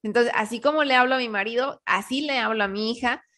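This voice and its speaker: A woman's voice: a little high, quick pace, fairly bright tone. A woman host, telling stories in casual conversation, often adding "¿no?" and restarting her sentences. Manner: chatty, frequent "¿no?" tags and restarts. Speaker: podcast host.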